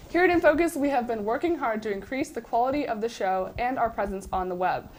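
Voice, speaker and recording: A woman's voice: a little high, fast talker. A teenage young woman anchoring scripted school news announcements. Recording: faint background noise.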